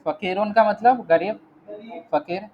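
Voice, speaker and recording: A man's voice: high-pitched, unhurried, muffled recording, slight background noise. A man teaching an Arabic grammar class online, patiently walking students through each word and often checking whether they follow.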